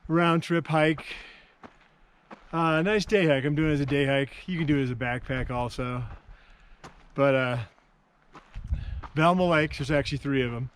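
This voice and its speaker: Guy on a hike talking slow, kinda winded, easygoing jokes, slightly high voice, faint outdoor hiss. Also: fairly bright tone, clear, resonant tone. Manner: easygoing, joking asides. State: out of breath. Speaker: hiker vlogger. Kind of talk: casual trail narration. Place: outdoors on a mountain trail.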